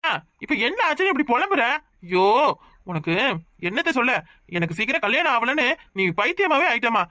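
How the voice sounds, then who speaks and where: A woman's voice: high voice, sing-song, a little fast, pushed and bright, dry recording, studio quality, exaggerated voice. A woman voicing an impatient young village man who scolds his mother, in a cartoon with a southern Tamil accent. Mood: exasperated. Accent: southern Tamil, Tirunelveli.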